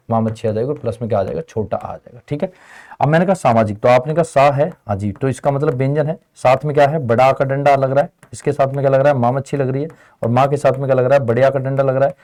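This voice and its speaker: A man teaching a lesson at a quick clip, firing questions at his class and answering them in the same breath. His pitch sits in an ordinary middle range. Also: a little mellow. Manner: call-and-response questioning, addresses students as children. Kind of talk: classroom lecture.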